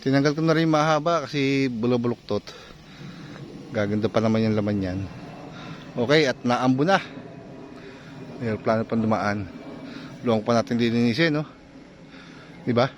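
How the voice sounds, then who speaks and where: A man casually narrating to viewers while clearing cassava plants on his farm, often asking them "right?" and sometimes out of breath. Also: mid-range voice, normal speed, long pauses, highs cut off, a little hiss or hum. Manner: chatty, talks to viewers while working, often asks "di ba?". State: out of breath at times. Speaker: farm vlogger. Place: outdoors on a farm field.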